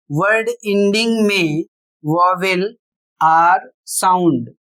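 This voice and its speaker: Spelling each word letter by letter, this teacher walks through pronunciation rules step by step and poses rhetorical questions along the way. The voice is mid-range with a fairly bright tone, in the manner of a spoken classroom lesson.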